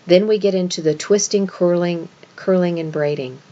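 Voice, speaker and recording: A woman's voice: lowish voice, moderate pace, dark tone, muffled recording. A woman giving an esoteric scripture lesson as a religious teacher, explaining in an instructive way and stressing key words.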